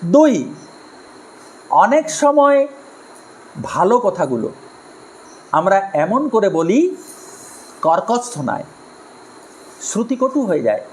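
A man giving a moral lecture on family life to a live audience, in an animated way, asking rhetorical questions and acting out harsh and gentle tones of voice. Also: high-pitched, slow, pauses often, slight background noise, low-quality recording. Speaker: spiritual speaker on family life.

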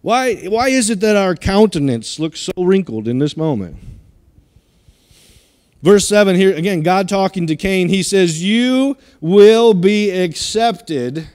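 A man's voice: high-pitched, lively intonation, measured pace, darkish tone, long reverb tail. A middle-aged man preaching a sermon in a church, emphatic and given to repeating his phrases as he exhorts the congregation. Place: church sanctuary.

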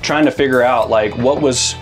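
Earnest pastor talking things through. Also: male voice, medium pitch, normal speed, soft background music. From Arizona. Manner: reflective, earnest, speaks in long loose sentences with fillers. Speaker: lead pastor. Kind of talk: casual interview chat.

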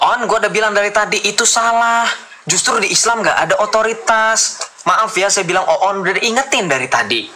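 A man's voice: high-pitched, sharp tone. A man hosting a heated religious debate, lecturing and mocking his opponent. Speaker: debate host.

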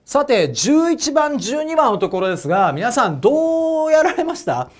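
A man with an Osaka accent gives a physics exam lecture in a chatty, joking way. His voice moves lively up and down as he asks viewers questions and laughs at his own asides. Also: extremely high pitch, normal speed. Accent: Osaka Japanese. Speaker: prep school physics teacher. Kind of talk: whiteboard lecture to camera.

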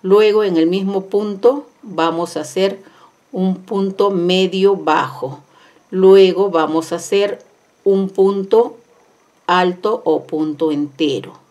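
A woman's voice: mid-range voice, slow, darkish tone. A woman teaching crochet step by step, counting stitches aloud and repeating each instruction. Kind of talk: step-by-step craft tutorial. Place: indoors at a craft table.

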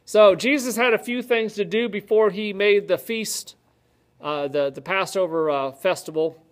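Casual pastor, conversational teaching. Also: male voice, high-pitched, measured pace. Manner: conversational, joking asides, reads scripture aloud with rising emphasis. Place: office-like room with ceiling lights, indoors.

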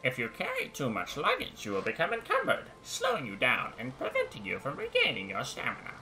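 A man voicing a wise old male Norse raven guide in an exaggerated, high, loud mock Scandinavian accent. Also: huge pitch swings, brisk, background noise. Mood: instructive.

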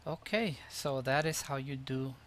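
A man in the middle of his pitch range talks through a flight-sim tutorial, step by step and unhurried, with ums and restarts. His desk mic picks up a faint hum of room ambience behind him. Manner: relaxed step-by-step explaining with fillers. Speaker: tutorial host. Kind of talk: screen-recorded software tutorial.

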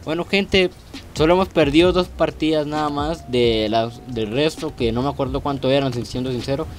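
A man, giving casual, joking gameplay commentary and bursting into shouts when things go wrong. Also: on the high side, normal speed. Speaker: gaming youtuber.

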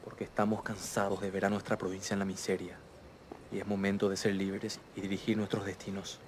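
An actor playing a calm, earnest revolutionary captain. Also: male voice, sits low, fairly quick, a little hiss or hum, close to an everyday voice. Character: revolutionary captain, grave young man.

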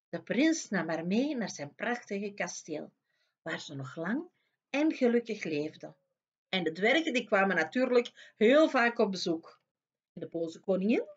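A woman reading a fairy tale aloud for children in a slow, expressive way. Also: mid-range voice, slightly rough, muffled recording. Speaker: storyteller.

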